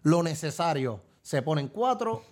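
A man's voice: a little high, very animated, a little slow, a little mellow. A man with a Puerto Rican accent, a podcast guest chatting casually in a laid-back, giggly and crude way, often trailing off into murmurs. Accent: Puerto Rican Spanish. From Puerto Rico. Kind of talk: casual chat.

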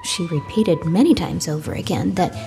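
An actress playing a matter-of-fact 1920s witness recounting events on the stand. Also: female voice, lowish voice, normal speed, creaky, over music. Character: plain-spoken 1920s courtroom witness.

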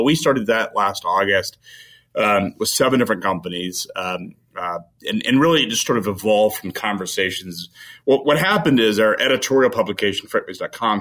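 A man's voice: on the low side, bright, forceful tone. A man answering interview questions as a company founder, rambling with frequent restarts and fillers.

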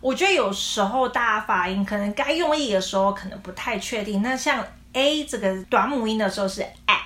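A woman English teacher explaining pronunciation patiently, saying English phrases slowly as examples. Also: on the high side, expressive, fairly bright tone.

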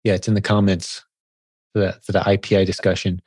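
A man hosting a live video-call Q&A, relaxed and encouraging, calling people buddy and man. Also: low voice, fairly quick, breathy edge, no echo. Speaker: podcast host answering seller questions.

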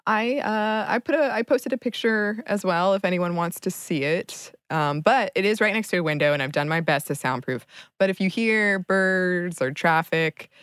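Low-voiced woman chatting from a closet. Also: moderate pace, a bit bright, clean tone, no echo. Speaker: podcast co-host. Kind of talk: casual chat. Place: small home closet beside a window. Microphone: home podcast microphone, close.

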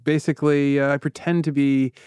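A man with a smooth, crisp voice, a touch higher than most men, spins animated anecdotes in casual podcast chat. He rambles and laughs as he goes, recorded close and dry. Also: fairly quick, no room sound. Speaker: podcast co-host. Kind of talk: casual conversational storytelling.

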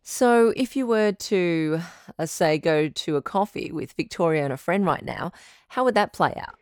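A woman playing a smooth radio host. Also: on the low side, lively intonation, darkish tone, dry recording, studio quality, lightly acted. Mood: calm, advising. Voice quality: smooth, measured and reassuring. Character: smooth female radio advice-show host. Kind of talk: scripted radio call-in drama.

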